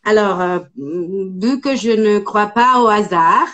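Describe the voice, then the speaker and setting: A woman in her forties from Italy with an Italian accent, speaking as an interview guest, hesitant with many pauses and fillers. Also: mid-range voice, a bit bright. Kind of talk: casual interview.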